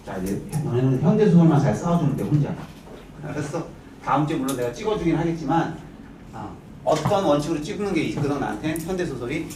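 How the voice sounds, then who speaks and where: A man's voice: a little high, noisy background. A man teaching a class in a blunt, informal way, firing rhetorical questions at his students. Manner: brisk, full of rhetorical questions. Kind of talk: lecture to students. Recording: echoey room, mic far off.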